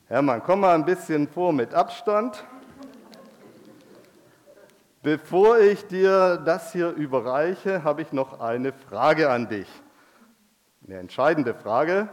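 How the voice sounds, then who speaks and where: A man playing a jolly old Saint Nicholas at a church community gathering, calling out booming ho-hos and reciting verse slowly and solemnly. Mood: playful teasing.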